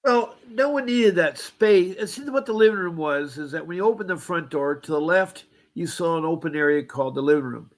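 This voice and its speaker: Older guy in his 70s, rambles on with asides, kinda aggrieved, voice sits a bit high. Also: animated, brisk, hardly any pauses. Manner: aggrieved, insistent about injustice. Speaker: guest. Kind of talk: recounting a personal story.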